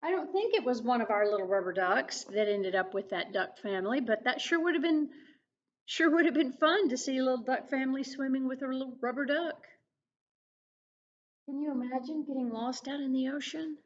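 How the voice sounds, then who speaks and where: A children's librarian, a woman, reading a picture book aloud with expressive storytelling and questions for young listeners. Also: sits high, brisk, dull audio. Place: public library.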